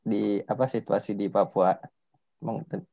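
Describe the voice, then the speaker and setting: A man with a dark, relaxed, slightly low voice hosts a casual online chat. He speaks haltingly, and the call audio is dull and lo-fi. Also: vocal fry. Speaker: host. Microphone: video call.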